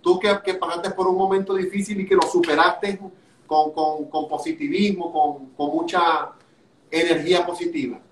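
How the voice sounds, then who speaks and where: A man hosting an interview, asking questions haltingly and searching for his words. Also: on the high side, steady tone, slight background noise. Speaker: podcast host. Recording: echoey, distant from mic.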